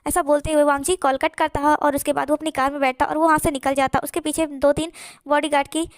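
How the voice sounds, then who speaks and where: A woman retells a fan fiction story in a rushed, repetitive way. Her voice is high and quick, and the recording is close and dry with no room sound. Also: flat delivery, no room sound.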